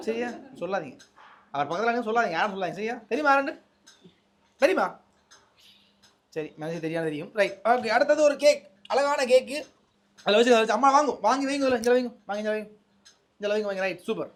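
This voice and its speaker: A presenter with a Sri Lankan Tamil accent, delivering a surprise gift and chatting in a playful, teasing way. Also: medium pitch. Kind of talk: casual on-camera banter.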